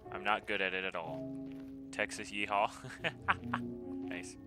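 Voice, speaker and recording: A man in his twenties from the United States, casually streaming a game and answering chat messages in a relaxed way. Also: deep voice, measured pace. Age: 20s. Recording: game music playing behind the voice. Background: background music.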